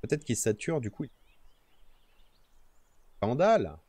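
Outdoors in nature, a man chats casually on a live stream to himself and his viewers while adjusting his microphone settings, a streaming mic with a noise gate. His voice sits on the low side with big pitch swings and a darkish tone. He talks at normal speed, with no echo.

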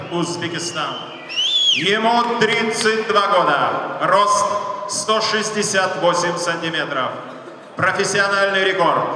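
A man in his thirties announcing boxing ceremonially over a PA, with emphatic, drawn-out name calls. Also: sits high, sharp tone. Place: large indoor boxing hall, in the ring. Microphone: handheld microphone over PA. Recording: echoey hall PA, background noise.

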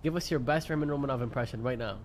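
A man's voice: medium pitch, racing, crowd noise. A man chatting casually in a role-play game, pushy and scheming, swearing freely. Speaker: streamer playing a role-play character.

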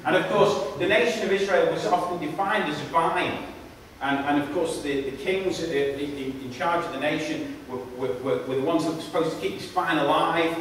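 A man's voice: fairly high pitch, normal speed, fairly bright tone, slight background noise. A man preaching a sermon, emphatic and repetitive, often restarting his phrases. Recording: echoey hall, voice from far off.

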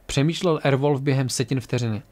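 A man's voice: mid-range voice, darkish tone. A man narrating an amateur audiobook in a plain reading voice with occasional restarts.

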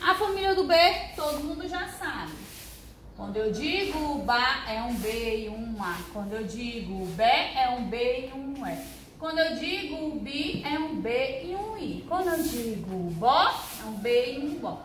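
A high-voiced woman with a Brazilian Portuguese accent leads a young class through syllables, her pitch swooping up and down as she stretches out each word. She talks slowly and patiently, like a primary school teacher. Her voice rings in an echoey room with a faint hiss underneath. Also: expressive, a bit bright. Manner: slow, sing-song syllable drilling with stretched words. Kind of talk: recorded first-grade handwriting lesson.

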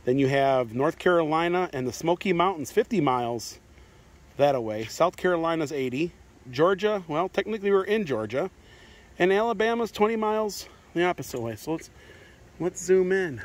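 Out in a mountain garden and squeezing through narrow rock crevices, a middle-aged American man narrates his travel vlog in an easygoing, casual way, with short musing asides. His voice sits on the high side, animated and at a moderate pace, picked up by a phone held in hand or at arm's length.

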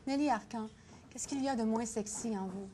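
A woman's voice: on the high side, brisk, mellow, slight background noise. A woman talk-show host with a Quebec French accent, asking direct, personal questions and laughing easily.

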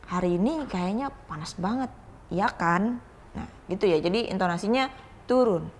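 A woman English lecturer giving a recorded video grammar lesson in a casual, explanatory way, often pausing on "eh" and slowing to stress example phrases. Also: medium pitch, lively intonation, darkish tone. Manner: casual explanatory teaching with frequent "eh" fillers and tag-like "gitu ya".

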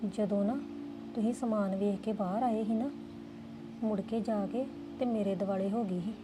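A woman's voice: medium pitch, steady tone, moderate pace, noisy background. A woman playing a young woman in a family drama, complaining and defensive. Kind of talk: Punjabi family drama dialogue.

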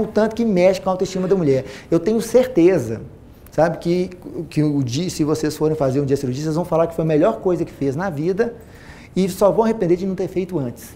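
A man in his forties with a Minas Gerais accent, a plastic surgeon giving an animated seminar talk to a large audience on a lapel mic, repeating phrases for emphasis. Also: a little high, a little hiss or hum. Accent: Brazilian Portuguese, Minas Gerais. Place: auditorium stage with a large audience.

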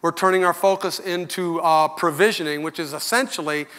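A middle-aged man speaks from a big conference stage through a headset mic. His voice sits somewhat high for a man. He talks in an earnest, conversational way, frank with his audience of customers. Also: fairly even intonation, fairly quick, fairly bright tone. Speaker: company executive giving keynote. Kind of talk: conference keynote speech.

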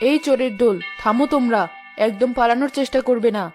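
In a children's cartoon, a woman voices a bossy, greedy village mother-in-law who angrily scolds and accuses. Her voice is on the high side, quick, a little mellow, and close to everyday speech, with music playing behind it.

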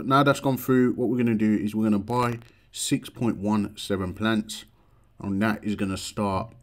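A man in his thirties hosting a casual screen-share tutorial from a room at home, talking into a desk webcam setup. He walks through each step with frequent "um" and "uh" and closes almost every point with "okay, guys" or "all right, guys?". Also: deep voice. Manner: steady explanatory walkthrough with frequent "um" and "uh". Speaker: crypto channel host.

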